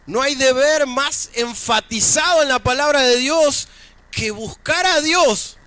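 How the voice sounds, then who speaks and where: A man's voice: very high voice, takes it slowly, pushed and bright, no room sound. A man with an Argentine accent preaching a sermon at a church service, talking in a conversational way with joking asides between scripture readings. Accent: Argentine Spanish.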